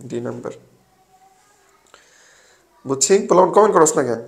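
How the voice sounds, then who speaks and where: A man's voice: a little high, expressive, moderate pace, vocal fry. Chatty young man tutoring in an echoey room. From Bangladesh. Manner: informal, asks questions and answers them himself; mixes English words into his speech. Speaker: admission test tutor. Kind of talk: casual online exam-solving class.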